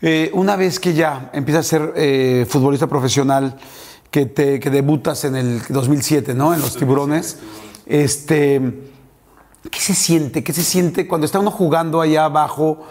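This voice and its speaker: A man with a Mexican accent hosting a casual interview, asking long, animated questions with plenty of slang. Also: on the high side, measured pace. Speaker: interview host.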